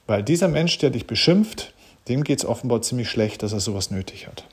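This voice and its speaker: A motivational speaker talks earnestly and directly, answering questions and addressing the listener personally. His husky, animated voice is medium in pitch and a little fast.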